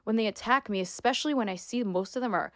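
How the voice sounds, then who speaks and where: A woman's voice: fairly high pitch, fast talker, a bit bright, no room sound, clean studio sound. A woman in her twenties, from New York, speaking as an interview guest in an emphatic, opinionated way with lots of "like" fillers. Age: 20s. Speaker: guest, sports reporter and influencer. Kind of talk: casual interview talk.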